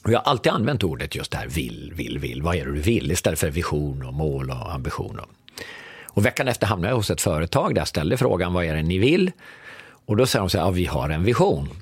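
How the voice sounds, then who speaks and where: Deep and slightly rough, this man's voice comes through a dry recording. In his fifties and a former business consultant, he's a guest telling a story conversationally, animatedly acting out the dialogue.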